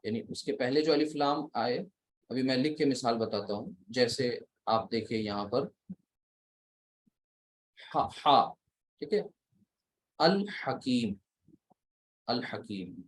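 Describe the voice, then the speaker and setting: Slow, deliberate male grammar teacher. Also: medium pitch, poor audio. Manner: slow, deliberate, counting letters one by one. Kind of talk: recorded lecture at a writing board.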